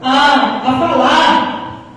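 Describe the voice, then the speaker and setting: A woman pastor, preaching a sermon in a sing-song, drawn-out style with frequent interjections. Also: high voice, fairly even intonation, a bit bright, recorded from a distance. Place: church hall. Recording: echoey church hall, mic from afar.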